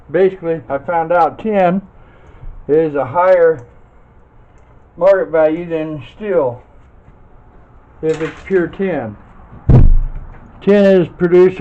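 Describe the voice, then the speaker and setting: A slightly high-voiced man speaks slowly with long pauses, hosting a video where he casually demonstrates tearing down scrap metal by hand. He's folksy and thinks aloud as he works. The lo-fi recording sounds dull, with faint noise and clicks.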